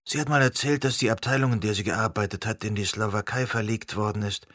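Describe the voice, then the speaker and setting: A man's voice: fairly low pitch, steady tone, fairly bright tone, no echo, studio quality. A man doing a fretful, irritable organizer. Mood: brooding. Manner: quick, worried, easily annoyed. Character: agitated fussy man, event organizer.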